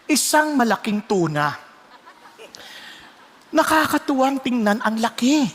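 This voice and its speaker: A pastor with a Filipino accent preaching a sermon, mixing Tagalog and English with sudden loud exclamations. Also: male voice, extremely high pitch, sing-song, takes it slowly, big-room sound, slight background noise.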